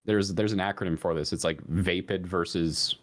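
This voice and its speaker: Low-voiced man talking esports, rambling. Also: fairly even intonation, a little fast. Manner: rambling with many restarts and fillers, jumps higher when emphatic. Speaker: esports podcast co-host. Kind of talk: casual analytical chat.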